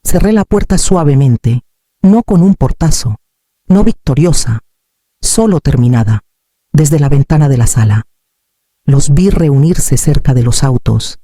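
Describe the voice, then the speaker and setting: Calm man narrating with a lively voice. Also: fairly high pitch, no echo, studio quality. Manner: calm, measured storytelling. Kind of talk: scripted first-person story narration.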